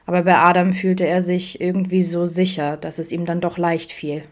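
A woman reading a fan fiction audiobook aloud in a calm, even storytelling manner. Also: lowish voice, normal speed. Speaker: audiobook reader.

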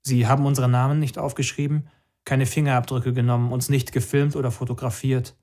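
Man, first-person narration, measured and somber, unhurried. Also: mid-range voice, level tone, a little mellow.

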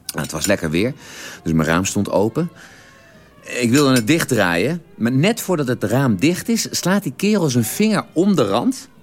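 A man in a radio drama telling a long, detailed story at the dinner table in a measured, drily precise way. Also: medium pitch, sing-song, faint music behind, lightly acted. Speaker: character telling an anecdote at a family dinner.

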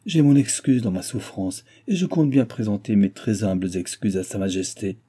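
A man's voice: lowish voice, moderate pace, dark tone, husky. A man voicing a stiff, guarded old noblewoman who complains of her misfortune.

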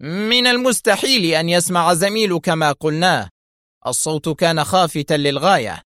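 A cold, scheming male villain, as a male storyteller puts him on, barking orders with chilly menace. The voice sits well above the reader's usual pitch and grows tense and clipped. The recording is dry and close. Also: a little fast, fairly bright tone, dry recording, close to an everyday voice. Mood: tense, angry. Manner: cold, commanding and strained.

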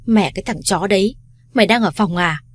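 A woman voicing Ly, a brash, foul-mouthed young woman who bosses her friend around loudly. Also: mid-range voice, brisk, dry recording, lightly acted. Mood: angry. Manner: loud, bossy, swears freely.

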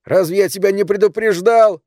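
Male narrator doing a higher-pitched, scolding, profane buddy, impatient, mellow tone, dry sound. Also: fairly even intonation, brisk, no echo, lightly acted. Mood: exasperated. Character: blunt cowardly male friend, exasperated and profane.

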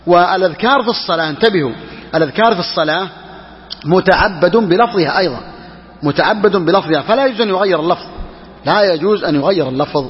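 A man teaching religious law as a sheikh, who talks quickly and repeats key phrases for emphasis. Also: sits high, lively intonation, long reverb tail, muffled recording. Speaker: sheikh teaching Hanbali jurisprudence. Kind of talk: religious lesson explaining a text.

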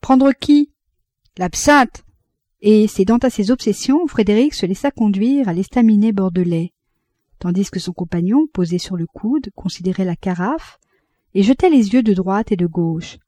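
Mellow-voiced woman reading a novel. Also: mid-range voice, moderate pace, no echo. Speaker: audiobook reader. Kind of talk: literary audiobook narration.

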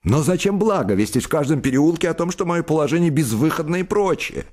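Man doing a hysterical young man, high strained voice, shouting outbursts, wild pitch swings, audiobook reading. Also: lively intonation, fast. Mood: shrill indignation.

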